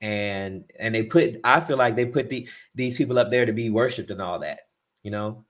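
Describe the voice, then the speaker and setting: A man's voice: lowish voice, normal speed. Opinionated male podcast co-host. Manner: opinionated, speeds up when ranting. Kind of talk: casual opinion chat.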